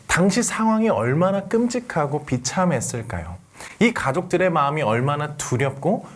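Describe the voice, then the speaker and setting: A woman youth pastor giving a sermon, telling the story dramatically, asking the congregation questions and dropping to soft near-whispers. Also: sits low, husky.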